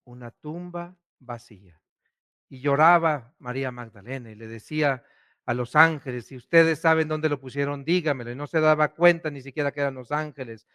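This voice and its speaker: A man, a priest preaching a sermon, asking questions and swinging between loud and hushed delivery. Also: on the high side, normal speed, clean tone.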